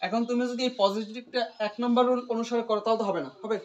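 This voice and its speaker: A man's voice: very high-pitched, fairly even intonation, racing, muffled recording, a little hiss or hum. A man tutoring English grammar, asking questions and repeating the student's answers, explaining step by step. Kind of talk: English grammar lesson with call-and-response.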